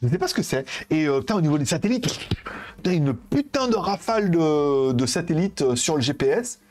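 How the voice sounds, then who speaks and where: A man's voice: on the high side, very animated, a little fast, a little mellow. A man in a casual live stream, rambling and joking about phones and his plans, swearing now and then while he handles the devices. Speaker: tech streamer.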